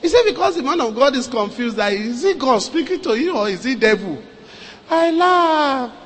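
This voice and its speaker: A Nigerian pastor preaches with a lively, high voice that climbs and drops across a wide range. His tone is a little husky, and a long echo rings around the large hall. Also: brisk. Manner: animated, swings from quiet to loud, acts out dialogue, mixes in Yoruba. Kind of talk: sermon with storytelling.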